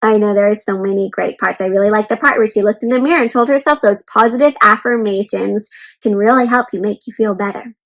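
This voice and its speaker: Faint music plays behind a woman reading a storybook aloud to little ones in a fast, mid-range voice with a fairly bright tone. She hosts the read-aloud warmly, encouraging and reassuring the children and regularly pausing for simple explanations and check-ins.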